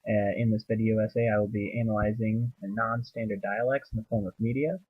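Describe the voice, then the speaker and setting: A man's voice: on the low side, fairly even intonation, a little fast, slightly rough, no room sound, narrow, tinny audio. A young man presenting a class video essay, reading aloud plainly with small slips and fillers. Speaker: student presenter.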